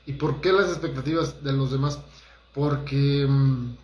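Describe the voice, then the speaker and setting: A man's voice: medium pitch, steady tone, unhurried, echoey room. A man, a holistic therapist giving a conversational motivational talk and speaking straight to his listeners. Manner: conversational, addresses listeners directly, acts out quotes.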